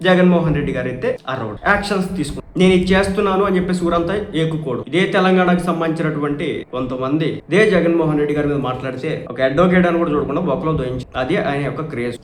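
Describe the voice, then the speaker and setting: A man's voice: a little high, reverberant, a little hiss or hum. A man from Andhra Pradesh delivers emphatic political commentary, arguing with rhetorical questions.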